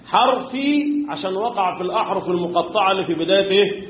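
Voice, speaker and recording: High-voiced Egyptian tajweed teacher. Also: male voice, expressive, fast, a little hiss or hum. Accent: Egyptian Arabic. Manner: quizzes students, answers his own questions; chants the verses in recitation. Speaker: Quran recitation teacher. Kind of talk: tajweed lesson. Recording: echoey room, tinny phone-like sound.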